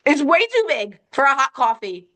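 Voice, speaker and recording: A young woman co-hosting a podcast, ranting in an animated, exasperated way with casual swearing. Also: sits high, normal speed. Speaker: podcast co-host. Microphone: home recording, on camera.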